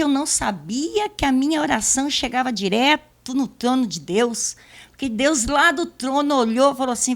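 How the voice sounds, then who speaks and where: Middle-aged woman, higher voice, animated storyteller giving a testimony with acted-out dialogue. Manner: lively storyteller, acts out dialogue, laughs. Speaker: church member giving testimony.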